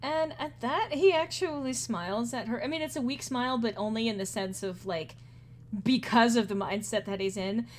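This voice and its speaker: A woman narrating a tabletop game as game master, relaxed and chatty, often laughing. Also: fairly high pitch, moderate pace, slight background noise.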